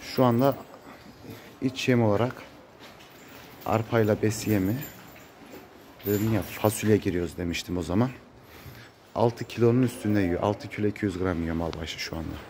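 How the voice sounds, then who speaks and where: Low-voiced man with a muffled cold. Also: normal speed, pauses often, a little mellow. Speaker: cattle farmer. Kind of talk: casual farm vlog narration to viewers. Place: open-sided metal-roofed cattle barn. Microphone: handheld phone. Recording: noisy barn phone recording.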